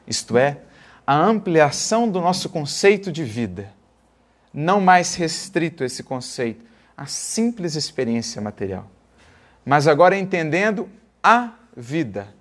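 A man's voice: fairly high pitch, very animated, a little slow. A man giving an earnest religious lecture, reading a text aloud and explaining it line by line. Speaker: spiritist lecturer.

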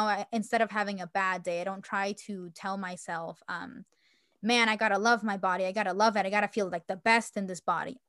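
A woman's voice: fairly high pitch, a bit bright, no room sound. Reflective woman podcaster, dry sound. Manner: rambling, reflective, many fillers. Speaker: podcast co-host. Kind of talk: casual chat.

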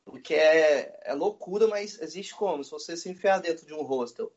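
High-pitched man telling stories. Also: moderate pace. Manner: relaxed storytelling, laughs easily. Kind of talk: casual chat. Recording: dull lo-fi audio.

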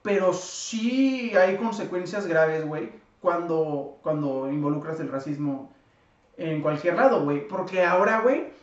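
A man's voice: a little high, measured pace. A young man with a Mexican accent, arguing insistently in a casual podcast debate and tossing in fillers between phrases. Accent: Mexican Spanish. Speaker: podcast co-host. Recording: echoey room, distant mic, dull sound.

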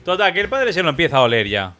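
A man's voice: a little high, fast, soft background music. Laughing man retelling a film. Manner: animated storyteller, laughs often, acts out lines. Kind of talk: casual podcast chat retelling a film.

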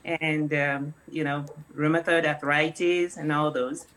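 A middle-aged woman from Nigeria, a food company founder, talks in a relaxed conversational way. She tells stories at an easy pace and laughs often. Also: low voice, a little slow, rough recording. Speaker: guest, snack company founder. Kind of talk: casual interview.

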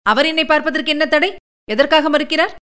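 A woman voicing a spirited, sharp-tongued young princess who argues quickly and indignantly. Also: high-pitched, steady tone, voice pushed up.

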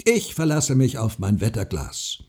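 A man voicing a stubborn, boastful old farmer who speaks gruffly and mockingly. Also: medium pitch, big pitch swings, a little slow. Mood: boastful, scornful. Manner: gruff, loud and mocking, drawn out.

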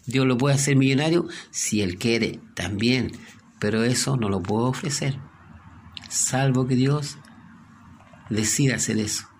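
A man preaches a sermon in a gravelly voice with some creak, sitting at a middle pitch. He tells the story and drops to a hushed voice at its moving moments. A faint hiss lies under the recording. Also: a little slow.

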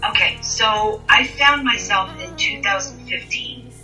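A woman guest recounting a personal story in conversation, halting and intense, often repeating words. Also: medium pitch, bright, forceful tone, far from the mic, soft background music, low-quality recording.

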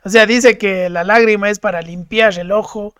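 A man hosting a casual podcast, his voice pitched high for a man. He is chatty and agreeable, dropping quick asides into the talk. The sound is dry and close to the mic. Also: fairly even intonation, a bit bright, clear, resonant tone, no echo. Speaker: podcast host.

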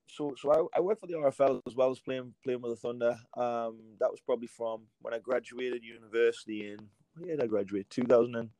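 A man's voice: mid-range voice, a little mellow, no room sound, poor audio. A man in his late thirties from England, with an English accent that has a slight American tinge, telling his story as a guest in a rambling way, with many fillers and restarts. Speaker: guest, rugby league coach. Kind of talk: relaxed storytelling interview answers.

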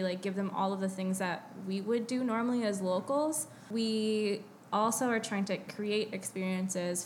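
A woman's voice: medium pitch, slight background noise. A woman guest on a podcast, explaining her business in a casual, easygoing way with lots of "like" and "you know.". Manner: easygoing, filler-heavy explaining. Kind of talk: casual chat.

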